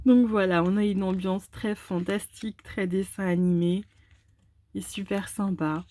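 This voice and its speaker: Mellow-voiced French woman presenting card decks. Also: medium pitch, steady tone, a little slow. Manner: chatty, many hesitant fillers. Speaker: tarot and oracle card channel host. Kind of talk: casual card deck presentation.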